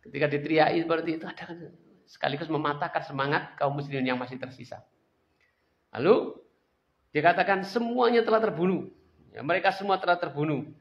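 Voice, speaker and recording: A male religious teacher, telling an Islamic history lesson in a lecture hall, slowing down for emphasis. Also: a little high. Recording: dull lo-fi lecture recording.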